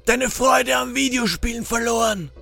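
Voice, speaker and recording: A foul-mouthed old ghost. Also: male voice, steady tone, moderate pace, creaky, faint music behind, full character voice. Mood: berating. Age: older. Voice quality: shrill, shouting, sing-song rants. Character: furious old male ghost of video games, foul-mouthed. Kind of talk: audiobook-style story narration.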